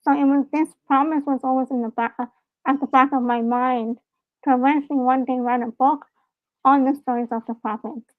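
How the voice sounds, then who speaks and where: A woman's voice: high-pitched, steady tone, a little fast, dry recording. A woman from Hong Kong, an author being interviewed live over a call, speaking earnestly and reflectively. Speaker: author and guest. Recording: dry, phone-like call audio.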